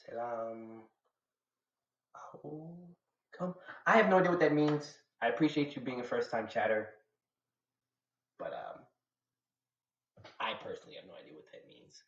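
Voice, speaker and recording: A young Atlanta man reacts to manga on a live stream, talking casually and at length in slangy, chatty style as he answers his chat. His middle-pitched voice has lively intonation, a slightly slow pace and long pauses, recorded in a roomy space with a slightly muffled, dull sound.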